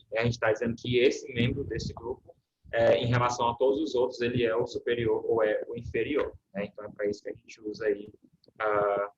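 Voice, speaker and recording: Male teacher on a video call, patient explainer, checks in often; muffled audio with a faint hiss. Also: medium pitch. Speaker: English teacher. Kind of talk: online class explanation.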